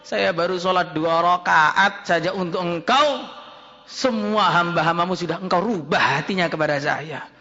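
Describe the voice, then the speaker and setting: A man voicing a repentant man who prays to God in a slow, drawn-out, pleading way. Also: on the high side, gravelly, bright, forceful tone. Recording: echoey hall, dull lo-fi sound.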